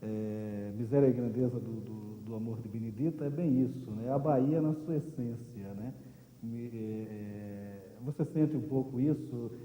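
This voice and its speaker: A man's voice: mid-range voice, normal speed, warm tone, roomy sound, big-room sound, rough recording. A male interviewer asking long, hesitant questions full of fillers and tag questions.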